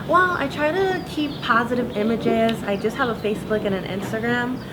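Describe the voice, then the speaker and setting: A woman's voice: on the high side, moderate pace. A young woman from Phoenix, Arizona, a science graduate giving upbeat documentary interview answers as a list. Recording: loud background noise.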